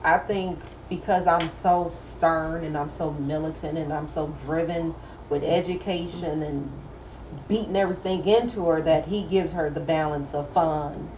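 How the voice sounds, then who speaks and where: A woman's voice: low voice, steady tone, unhurried, background noise. A woman in her thirties sharing her own story in a firm, earnest way during a casual chat. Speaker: podcast co-host. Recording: roomy, distant, slightly dull sound.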